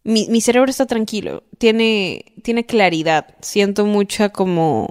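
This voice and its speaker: A woman's voice: mid-range voice, a little slow, darkish tone. A young woman hosting a podcast, giving casual, affectionate advice and often checking in with the listener. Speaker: podcast host.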